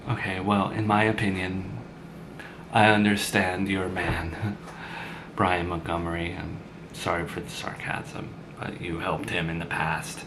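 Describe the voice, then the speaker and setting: A man's voice: sits low, steady tone, moderate pace, vocal fry, noisy background. A man voicing a blunt, sarcastic grown woman who had a child young, in an amateur drama. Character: blunt sarcastic mother, grown woman, once a teen mom.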